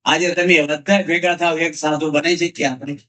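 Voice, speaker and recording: A male swami gives a devotional discourse. His voice sits a little high for a man. He tells stories full of quoted dialogue and urges his listeners directly. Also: little pitch movement, normal speed, bright, forceful tone, poor audio. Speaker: swami giving a religious discourse.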